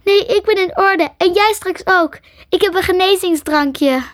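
A woman voicing a young female dragon tamer in a storybook reading, crying and pleading in a high, loud voice. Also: unhurried, no echo, studio quality. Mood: desperate, tearful.

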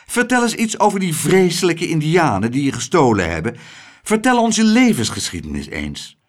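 A man reading an audiobook aloud, voicing an excitable, doting rich American lady in a shrill, high voice. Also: normal speed. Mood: insistent. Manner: high-pitched, shrill, gushing.

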